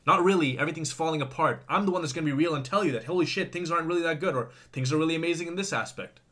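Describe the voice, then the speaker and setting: A man's voice: a little high, rapid-fire, sharp tone. A man venting in a confessional vlog, swearing heavily, repeating himself and talking straight to his viewers. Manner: heavy swearing, angry and venting; repetitive, speaks directly to viewers. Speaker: vlogger. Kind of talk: confessional rant to camera.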